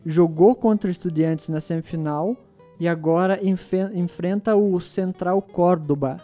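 A man on a football panel giving deliberate, opinionated views in a casual debate. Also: high-pitched, mellow, faint music behind.

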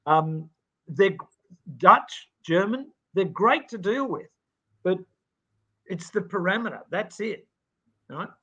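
Aussie guy on a podcast, slightly high voice, bit muffled lo-fi sound, lots of ums. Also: slow pace, pauses often, husky. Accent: Australian. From Australia. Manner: animated storyteller with filler ums. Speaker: sales expert guest. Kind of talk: conversational podcast answer.

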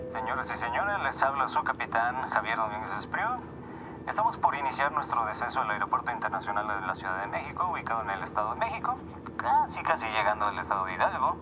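Man as a Mexican airline captain, formal announcement tone, lively pitch, recorded distant over loud noise. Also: quick pace, music in the background, lightly acted. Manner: formal announcement breaking into swearing.

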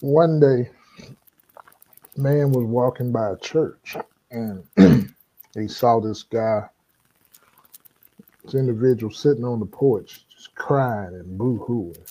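A man co-hosting a casual Bible talk who tells a folksy story in an animated way. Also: mid-range voice, takes it slowly, pauses often. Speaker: podcast co-host.

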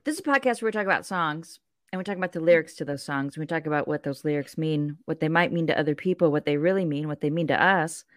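A woman co-hosting a podcast, telling stories in a playful, animated casual chat. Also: sits low, fast, no room sound, clean studio sound. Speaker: podcast co-host.

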